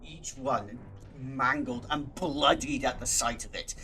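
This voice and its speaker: A man's voice: mid-range voice, pushed and bright, slight background noise. A man narrating as game master of a tabletop game, his call audio choppy and breaking up. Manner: slow, grim scene description. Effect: choppy voice-call audio breaking up and glitching.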